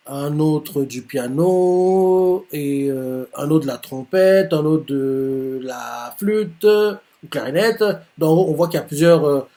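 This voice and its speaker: Casting: male reaction host, rambling casual explainer, voice a bit high, lots of fillers. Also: mellow. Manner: rambling, full of filler words. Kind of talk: casual manga reaction commentary.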